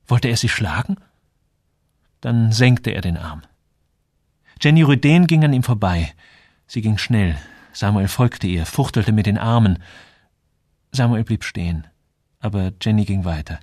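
A man narrating a story in an expressive storytelling manner, his pitch moving up and down a great deal. The recording is dry and close, with no room sound. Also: measured pace, pauses often, dry recording. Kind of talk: scripted narration.

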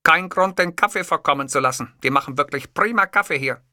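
A man putting on a pompous, self-assured older dictator who declaims every line with haughty emphasis. The voice sits raised and bright, read in an audiobook. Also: on the high side, a little fast, no room sound, clean studio sound, voice pushed up. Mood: smug. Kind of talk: audiobook character voice.

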